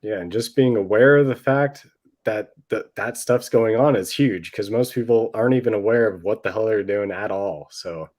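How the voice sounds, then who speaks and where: A man's voice: lowish voice, moderate pace, a little mellow. A man co-hosting a podcast in casual chat, laid-back and often calling his friend "dude" and "man". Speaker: podcast co-host.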